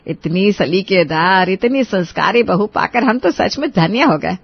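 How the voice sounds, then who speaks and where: A woman voicing a proud, kindly middle-aged mother-in-law in a cartoon, speaking gently and admiringly. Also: mid-range voice, expressive, a little slow, gravelly, slightly rough, dry recording, muffled recording, full character voice.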